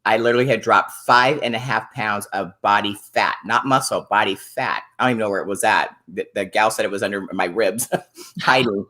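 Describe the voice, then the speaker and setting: A woman's voice: rumbling low, brisk, fairly bright tone. Upbeat middle-aged woman host. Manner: enthusiastic, upbeat product praise. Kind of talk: casual interview chat.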